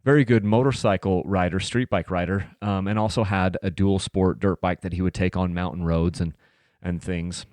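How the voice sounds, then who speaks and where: Male podcast host, late 30s, lowish voice, loose rambling delivery; dry close mic. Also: fairly even intonation, normal speed, a little mellow, dry recording. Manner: rambling, many fillers and restarts. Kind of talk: casual solo podcast talk.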